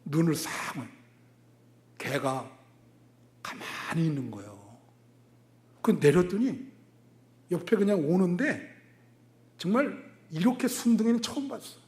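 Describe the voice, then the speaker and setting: A middle-aged male pastor delivers a sermon in a high voice that leaps up and down with animated energy. He tells stories to his congregation, breaking into sudden loud bursts and quick asides. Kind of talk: sermon with storytelling.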